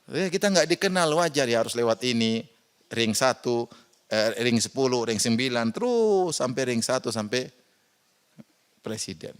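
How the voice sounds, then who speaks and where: A man preaching a Quran exegesis lecture in a mosque. He asks the audience rhetorical questions and swings between loud emphatic rises and quiet asides. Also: medium pitch, expressive, moderate pace, smooth. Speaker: Islamic preacher.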